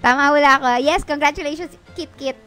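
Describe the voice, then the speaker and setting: A young woman streaming a mobile game in casual commentary, loud, with sudden shrieks and swearing. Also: high voice, fast.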